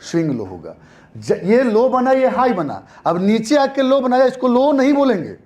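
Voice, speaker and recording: A man's voice: extremely high pitch, big pitch swings, normal speed, darkish tone. A man teaching a trading lesson in a classroom style, repeating points and answering his own questions.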